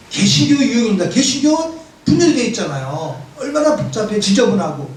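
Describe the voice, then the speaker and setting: A man in his seventies, a priest giving a conversational Bible lecture, telling stories with wry humor in a church hall. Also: high-pitched. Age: 70s. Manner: lively storytelling with wry humor. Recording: very echoey church hall from far off.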